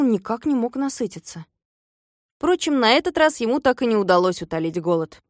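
A woman reading a children's book aloud in expressive storytelling narration. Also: on the high side, no room sound, studio quality.

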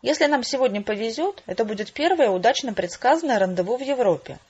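Woman doing a chatty older widow, raised and brisk. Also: fairly high pitch, animated, a little mellow, husky. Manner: chatty, instructive. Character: cheerful older widow, meteorite hunter. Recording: dull lo-fi recording.

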